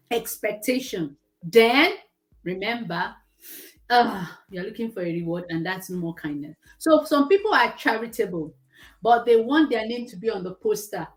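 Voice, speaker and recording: A woman teaching children like a kids show host, animated and emphatic, repeating phrases and putting questions to her young audience. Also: fairly high pitch. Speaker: host of a children's lesson on moral values.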